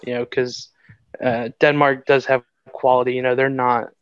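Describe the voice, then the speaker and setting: A man's voice: medium pitch, flat delivery, moderate pace, lo-fi sound, a little hiss or hum. A man co-hosting a podcast, laying out his football analysis in a confident, explanatory way. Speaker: podcast co-host. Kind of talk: casual sports analysis.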